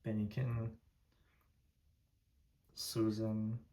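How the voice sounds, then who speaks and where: Extremely slowly and in a monotone, a young Taiwanese man with Hokkien as his native language rambles through a casual tour of his diecast collection room. His lowish, dark voice is heavy with fillers and restarts.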